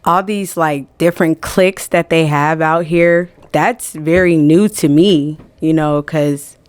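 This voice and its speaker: A woman's voice: low-pitched, unhurried, clean tone, no room sound. A woman from New Jersey, raised in Atlanta, talking frankly and emphatically as a guest on a casual podcast, often laughing. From born in New Jersey, raised in Atlanta. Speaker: music management guest.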